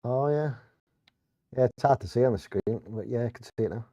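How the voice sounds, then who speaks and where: A man's voice: mid-range voice, brisk, warm tone, no room sound. A man co-hosting a bingo game with casual banter and commentary. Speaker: bingo co-host.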